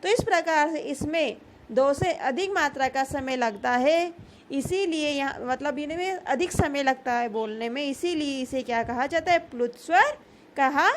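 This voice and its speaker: A woman with a high voice gives a grammar lesson, asking a question and then answering it herself. She goes over each term patiently, repeating it so it sticks. A faint hiss sits under her voice. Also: a little slow. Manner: repeats key terms patiently. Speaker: teacher.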